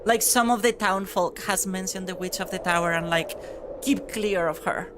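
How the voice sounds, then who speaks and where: A woman game master narrating a tabletop game in a relaxed way, with chatty fillers. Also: medium pitch, normal speed, background noise.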